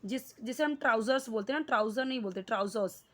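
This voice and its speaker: A woman's voice: a little high, quick pace, fairly bright tone. A woman teaching an English grammar lesson in Hindi, explaining each word and asking and answering her own questions.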